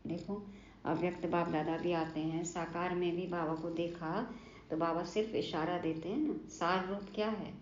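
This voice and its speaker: A woman's voice: fairly low pitch, steady tone, moderate pace, a little hiss or hum. Woman preaching in a roomy echo. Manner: earnest, poses and answers her own questions, prompts with "haan" and "hmm?". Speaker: spiritual teacher explaining a daily lesson. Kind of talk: devotional sermon. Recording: roomy, slightly dull recording.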